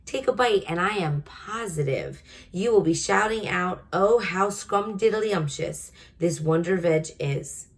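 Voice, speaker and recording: A gentle male giant from a children's storybook, voiced by a woman. He speaks with innocent earnestness and a dignified, kindly disapproval. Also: fairly low pitch, unhurried, few pauses, husky. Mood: coaxing.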